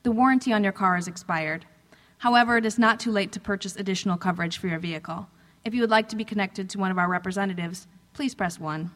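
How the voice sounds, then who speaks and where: A flat automated phone-sales voice, put on by a woman reader. It drones through its pitch quickly and a little louder than the reading around it. A long hall reverb trails every phrase. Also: lightly acted. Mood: droning. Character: droning automated telemarketing phone recording.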